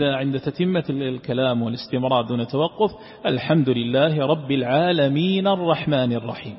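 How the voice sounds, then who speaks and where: A man gives a patient, step-by-step lesson, slowing down to chant verses as examples. His voice sits at an ordinary middle pitch. The recording is dull and lo-fi, with long reverb from a large hall. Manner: explains slowly, demonstrating verses in chanted recitation. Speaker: sheikh teaching Quran sciences. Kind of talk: classroom lesson explaining recitation rules.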